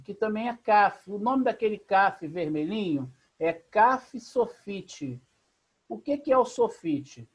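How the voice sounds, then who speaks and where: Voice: medium pitch, slightly rough. A teacher with a Brazilian Portuguese accent gives an online class over a video call. The teacher explains patiently, step by step, and keeps checking in with the students. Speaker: Bible language teacher. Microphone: video call computer mic.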